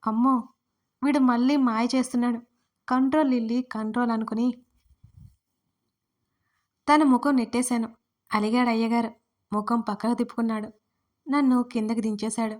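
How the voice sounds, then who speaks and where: A woman narrating a romance story in first person, in a lively, emotional storytelling manner with acted dialogue. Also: a little high, normal speed, long pauses. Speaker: writer and narrator of audio stories.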